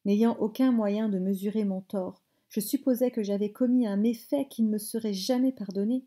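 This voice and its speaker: Dark-voiced woman reading a novel aloud. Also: medium pitch, steady tone. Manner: measured, phrase-by-phrase reading. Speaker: French teacher.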